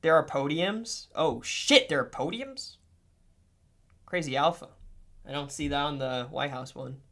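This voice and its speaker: A young man livestreaming casual commentary, swearing freely and swinging between low mutters and excited outbursts. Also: a little slow.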